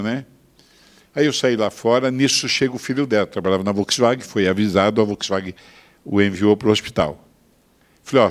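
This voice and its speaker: An older man, a pastor with a Brazilian Portuguese accent, telling a story in a sermon. He moves between hushed asides and loud, emphatic bursts. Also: lowish voice. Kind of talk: sermon testimony.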